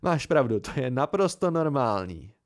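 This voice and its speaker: A man's voice: medium pitch, sing-song, natural voice. A man voicing a friendly, encouraging young student who is worn out. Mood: joking.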